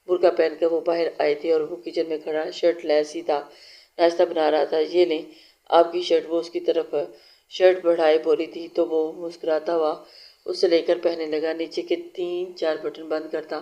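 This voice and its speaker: Novel narrator, very even flat reading, middle pitch. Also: moderate pace, highs cut off. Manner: steady, even storytelling with slips and restarts.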